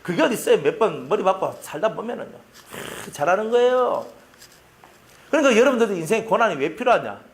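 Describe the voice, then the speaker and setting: A male pastor with a Gyeongsang Korean accent preaching a sermon, telling stories in an animated way and using lots of sound effects. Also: high-pitched, quick pace, slight background noise.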